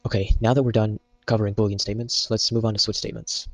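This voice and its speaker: A man's voice: on the low side, level tone, fast talker, no echo, low-quality recording. A young man giving a casual, joke-filled programming tutorial while typing at his computer. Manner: jokey, meme-filled explaining. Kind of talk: casual screen-recorded coding tutorial.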